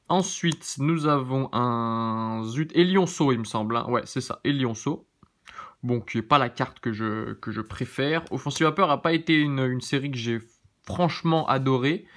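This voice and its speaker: A man in a casual, easygoing commentary, talking through each card as he turns it over at a middling pitch. He muses aloud, hesitates over names and corrects himself with plenty of fillers. The tone stays relaxed and conversational throughout. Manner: thinks aloud, often unsure of names; relaxed, chatty, many fillers. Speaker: YouTube channel host.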